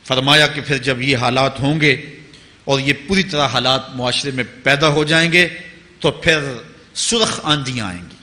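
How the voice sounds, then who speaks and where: A male preacher giving an impassioned sermon, building to emphatic peaks and slowly chanting Arabic quotations. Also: medium pitch, bright, forceful tone. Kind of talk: Urdu religious sermon. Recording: long hall reverb.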